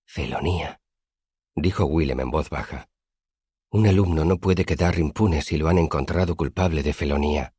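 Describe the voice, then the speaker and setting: A man doing a quiet, grave young student. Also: moderate pace, husky, dry recording, clean studio sound. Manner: low-spoken, grave.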